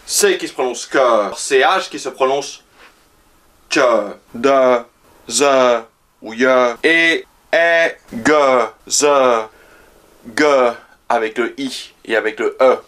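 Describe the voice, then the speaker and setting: A man's voice: medium pitch, takes it slowly, bright, forceful tone. A man giving a pronunciation lesson, carefully demonstrating letters and sounds one by one. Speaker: language teacher.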